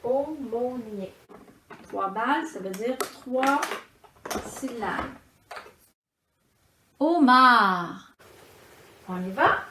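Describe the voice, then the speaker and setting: A woman with a Quebec French accent teaching preschool children to count syllables, drawing out each word in a slow, sing-song way. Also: a little high, animated. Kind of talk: children's phonics lesson. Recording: echoey room with background noise.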